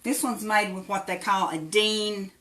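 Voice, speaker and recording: A woman from Tennessee with an Appalachian accent hosts a casual live craft demonstration, chatting in a folksy way and thanking viewers by name. Her voice is medium-pitched and pushed and bright, with fairly even intonation and an unhurried pace.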